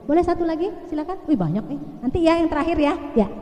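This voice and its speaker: A woman's voice: sits high, animated, quick pace, dark tone, faint music behind. A middle-aged woman pediatrician giving a chatty, reassuring talk to parents and taking their questions. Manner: chatty, reassuring, frequent "ya" tags. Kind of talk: casual lecture with audience Q&A. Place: large hall. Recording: echoey hall, long reverb.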